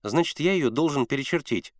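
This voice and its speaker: A careful, pedantic teenage boy in a storybook, calm and measured in every reply, as a man reading aloud does him. His lines move with lively pitch over a dry, close sound. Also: no echo, natural voice.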